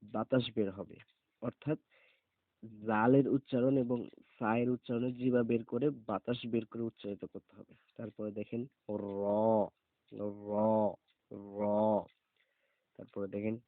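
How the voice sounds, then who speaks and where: A man teaching Arabic letter pronunciation, saying each letter slowly and repeating it several times. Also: medium pitch, steady tone, no room sound. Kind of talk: slow pronunciation lesson. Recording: tinny phone-like sound.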